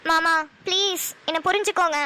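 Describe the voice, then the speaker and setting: A woman's voice: very high voice, steady tone, a little fast, bright, forceful tone. A woman voicing a lovesick young woman pleading on the phone in a cartoon. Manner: pleading, insistent. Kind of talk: cartoon voice acting.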